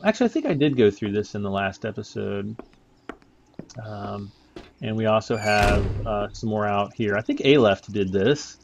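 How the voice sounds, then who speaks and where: A man's voice: fairly low pitch, a little hiss or hum. A man giving casual, rambling commentary over his gameplay, chuckling often between thoughts. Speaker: gaming YouTuber.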